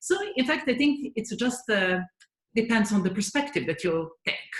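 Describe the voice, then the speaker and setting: A woman's voice: mid-range voice, lively intonation, normal speed, roomy sound. A woman in her forties from Serbia with a Serbian accent, answering interview questions earnestly and thoughtfully, with frequent hesitations. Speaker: guest, head of software development.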